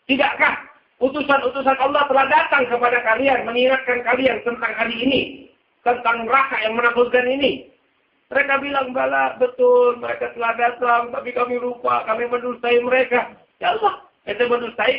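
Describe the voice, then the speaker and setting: A man's voice: extremely high pitch, steady tone, a little fast, creaky, roomy sound, dull audio. A man preaching a sermon, telling a story dramatically and acting out its voices, mixing Arabic recitation with casual speech.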